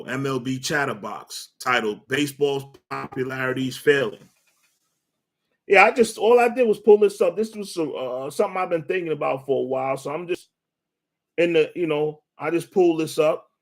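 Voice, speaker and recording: At medium pitch, this male sports commentary host rambles through a rant, bluntly airing his views. Along the way he trips on his words, says things twice and leans on "uh" and "you know" until he gets to the point.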